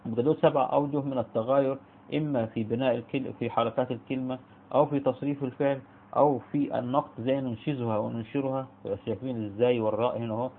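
An Egyptian man teaches a spoken lesson in a quick, gravelly voice. He keeps restarting words and answers his own questions. The sound is thin and narrow, as if it came down a phone line. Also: mid-range voice, fairly even intonation, slight background noise. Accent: Egyptian Arabic. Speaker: Islamic studies teacher. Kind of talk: spoken lecture.

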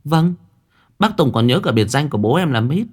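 A man's voice: on the high side, sing-song, normal speed, a little mellow, husky, pitched above the performer's own voice. A man voicing a cheerful, trusting young woman in a raised, chatty voice.

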